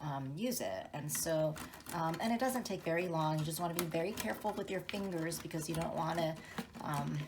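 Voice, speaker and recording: A woman giving a casual cooking demonstration in her home kitchen, explaining each step in an unhurried way with plenty of fillers. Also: low-pitched, background noise. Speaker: home cook demonstrating a recipe.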